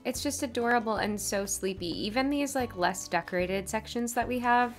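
A young woman gaming YouTuber gushes through casual gameplay commentary in a sleepy morning voice, bubbly and chatty. Her voice is on the high side at normal speed, with soft background music.

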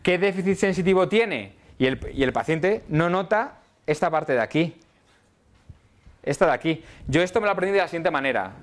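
A man's voice: fairly high pitch, lively intonation, brisk, long pauses. A middle-aged man lecturing physiotherapy students in a casual way, often checking in with "¿vale?". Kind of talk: university lecture. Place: lecture hall.

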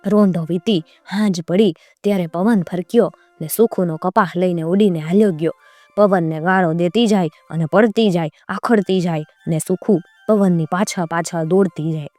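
A woman's voice: on the low side, normal speed, dark tone, no room sound, faint music behind. A woman narrating a folk tale in a rhythmic, sing-song storyteller's way.

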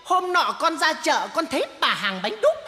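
A woman's voice: high-pitched, sing-song, normal speed, heavily acted. A woman playing a cheeky, punning male clown servant in a traditional chèo stage comedy, full of teasing wordplay and sing-song quips. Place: theater stage. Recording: stage hall, loud live music.

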